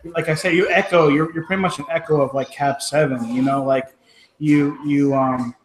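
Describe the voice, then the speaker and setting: Man, supportive panel guest, halting, slightly high voice, echoey room, crowd behind. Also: fairly even intonation. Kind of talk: casual chat.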